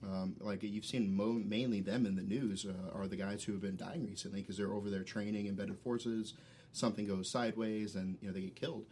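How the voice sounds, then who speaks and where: A man's voice: fairly low pitch, flat delivery, a little fast, a little mellow, slight background noise. A man, a military veteran and podcast guest, chatting casually and bluntly with heavy swearing. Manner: profane, blunt. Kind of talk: casual chat.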